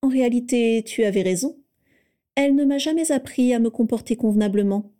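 Woman doing a cocky teen boy wizard from a storybook, teasing and pleased with himself, pitched up high, soft warm tone. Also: brisk, close to an everyday voice. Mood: smug teasing. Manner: playful, self-satisfied.

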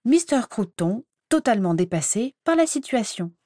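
A woman's voice: fairly high pitch, sing-song, normal speed, dark tone, no room sound, studio quality, voice pushed up. A woman voicing a brash, pushy young female gossip reporter with a thin, reedy voice. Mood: dictating.

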